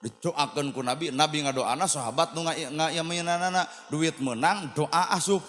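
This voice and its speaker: Male preacher, Sundanese accent, fairly high voice, storytelling style with dialogue, recorded in a reverberant hall. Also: moderate pace. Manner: storytelling preacher, acts out dialogue, rises to loud bursts. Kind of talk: Islamic sermon to a congregation. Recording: long hall reverb, faint background noise.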